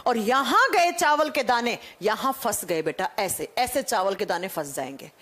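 A woman teaches a class, calling her students children as she walks them through each point. Her voice sits high and swings widely as she poses questions and answers them herself. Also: animated, unhurried, a bit bright. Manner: explains step by step, asks and answers her own questions. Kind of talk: live online class lecture.

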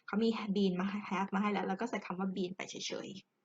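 A woman with a Thai accent, teaching English grammar in a chatty, big-sister way and reading the English examples slowly. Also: medium pitch, level tone, husky, highs cut off. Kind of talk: explaining grammar exercises to students.

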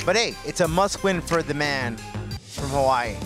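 Male fight analyst with fairly high pitch. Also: animated, moderate pace. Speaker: colour commentator, fight analyst. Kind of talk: live fight analysis commentary. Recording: music under broadcast commentary.

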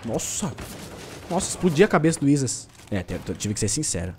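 A man's voice: medium pitch, big pitch swings, fairly quick, noisy background. A young man from Brazil streaming a shooter game, talking in slangy, joking banter with his chat. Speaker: gaming streamer. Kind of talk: casual live gameplay commentary.

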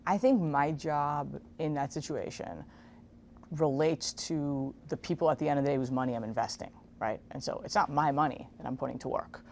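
Low, gravelly woman explaining steadily. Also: slight background noise. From Israel. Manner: measured, explanatory, with casual fillers. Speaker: guest, investment executive. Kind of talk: TV interview. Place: large bright room with garden windows. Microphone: lapel mic.

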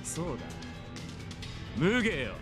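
An actor playing an aggressive, easily angered young bully gamer, taunting in rough delinquent slang, in a Japanese video game. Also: male voice, high voice, huge pitch swings, unhurried, full character voice. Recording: game music underneath.

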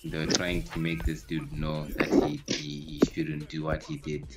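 A man's voice: very deep voice, monotone, normal speed, very noisy. A man joking around in casual chat while playing a mobile shooter with friends. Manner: joking, puts on a mock accent. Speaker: gamer streaming with friends.

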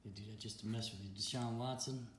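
A man's voice: mid-range voice, steady tone, fast talker. Guy ripping card packs, laughs a lot, echoey room, bit of hiss. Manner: chatty, laughs often, reads out card names. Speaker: card-opening channel host. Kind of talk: casual card unboxing chat. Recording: roomy echo with faint noise.

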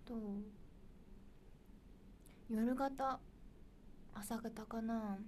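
A young woman with a Kansai accent hosting a casual livestream, chatting brightly and answering viewer comments, often dropping into soft, near-whispered asides. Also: on the high side, fairly even intonation, extremely slow, slight background noise. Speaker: idol livestream host.

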